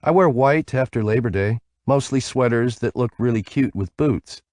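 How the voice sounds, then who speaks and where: A man reads an audiobook, voicing a sleepy, bubbly young woman who rambles playfully on the phone. His medium-pitched voice is a little mellow at normal speed, raised above his own pitch yet close to an everyday voice, in a dry, clean studio recording.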